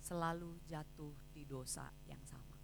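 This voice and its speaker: A woman pastor, preaching a sermon in an emphatic way that climbs high when she retells a story. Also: fairly even intonation, measured pace, gravelly, a little hiss or hum. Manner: emphatic, rising sharply when retelling anger. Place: church hall.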